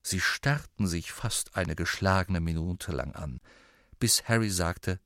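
A man narrating an audiobook in an expressive storytelling manner. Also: deep voice, measured pace, no room sound, clean studio sound.

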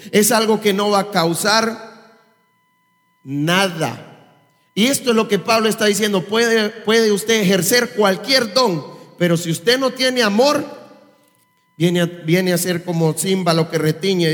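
Male preacher, high pitch, sermon, questions to the congregation, long church-hall reverb. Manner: quizzes the congregation with rhetorical questions. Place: church service.

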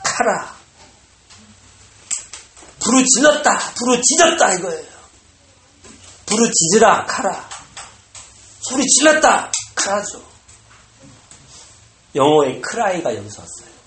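A pastor preaching with a voice that swings widely in pitch, climbing into loud, fervent exclamations before dropping low again. The sound carries a roomy echo from a church sanctuary, with a faint hiss underneath. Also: slow, pauses often. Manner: animated, bursting into loud exclamations. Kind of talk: sermon. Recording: echoey room with faint noise.

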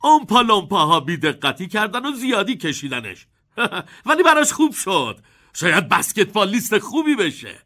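A man's voice: high-pitched, big pitch swings, sharp tone, pitched above the performer's own voice, heavily acted. A man voicing an eccentric, kindly old chocolate maker in an audiobook, with a theatrical, chuckling delivery.

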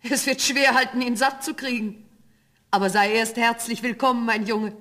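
A homely farmer's wife who fusses over her giant son, played by a woman in a radio play. Her voice sits somewhat high for a woman. She talks in a busy, caring way. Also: fairly even intonation, moderate pace, a bit bright, lightly acted. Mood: warm. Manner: fussing and homely. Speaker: mother.

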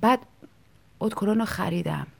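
A woman reading a short personal story aloud in a soft, tender, reflective way, sometimes sinking into a whisper. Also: medium pitch, vocal fry, slightly rough. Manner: soft, intimate, drops into whispers. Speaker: story reader. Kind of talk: scripted storytelling narration.

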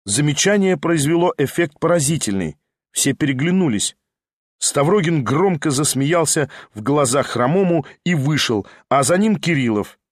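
A man narrating a classic novel as an audiobook in an expressive, dramatic reading. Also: on the high side, moderate pace, no room sound, clean studio sound. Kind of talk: scripted literary narration.

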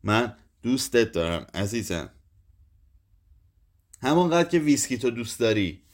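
A calm, heavy drunk man answers quietly and gently, trying to soothe, voiced by the narrator reading the story aloud. His lines sit low and soft in an audiobook reading. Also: natural voice. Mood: placating.

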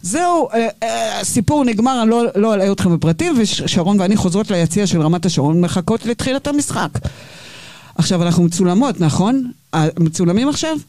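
A woman, a podcast guest and basketball fan, telling a lively anecdote and acting out both sides of the quoted arguments. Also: medium pitch, no room sound.

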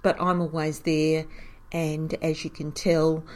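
Lively woman telling local history. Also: sits low, slow pace. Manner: animated storyteller, chuckles often. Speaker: caretaker of a historic cottage museum. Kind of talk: storytelling in an interview.

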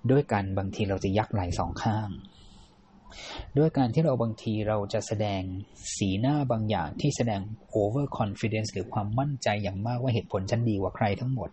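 A lowish-voiced man with a Thai accent lectures on his podcast in an unhurried, halting way, restarting phrases and filling pauses. He moves between English and Thai. A faint hiss of noise sits under the voice. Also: dark tone. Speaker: podcast host. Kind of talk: lecture-style monologue.

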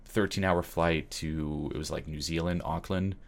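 A man's voice: very deep voice, steady tone, normal speed, gravelly. A man from Switzerland giving a blunt, emphatic motivational webinar talk, swearing freely and often checking in with "okay?".

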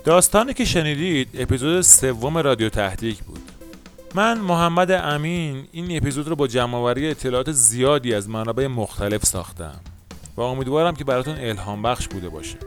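A man's voice: mid-range voice, animated, soft background music. A man with an Iranian Persian accent hosting and narrating a storytelling podcast in a conversational way.

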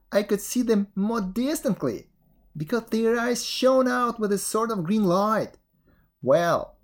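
Woman reader doing a wide-eyed sexton spinning a spooky yarn, slow and animated. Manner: breathless storytelling, rising pitch, wondering. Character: excitable middle-aged male village sexton. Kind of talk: storybook reading.

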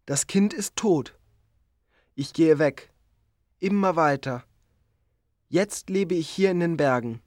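An actor voicing a lonely, pleading creature in a storybook audio drama, speaking slowly and sorrowfully. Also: medium pitch, darkish tone, dry recording, studio quality, natural voice. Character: lonely, pleading giant creature made by a scientist. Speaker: narrator of his own story.

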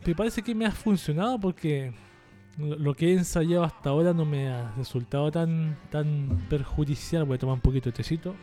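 With faint music in the background, a podcast host speaks briskly at a fairly high pitch with a dark tone. His casual monologue is jokey, rambling and self-deprecating, and he's trying a lighter, less forced voice than previously.

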